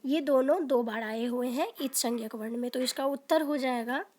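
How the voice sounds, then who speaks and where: Her voice is high-pitched with a darkish tone and a moderate pace as she, a Sanskrit teacher, explains quiz answers step by step and keeps checking in with the class.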